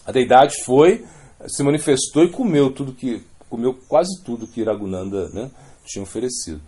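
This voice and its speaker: Lively, mellow-voiced Brazilian preacher. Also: male voice, medium pitch, moderate pace, a little hiss or hum. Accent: Brazilian Portuguese. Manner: conversational, keeps adding "né?" and restarting phrases. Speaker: devotional speaker. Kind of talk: spoken religious talk with storytelling.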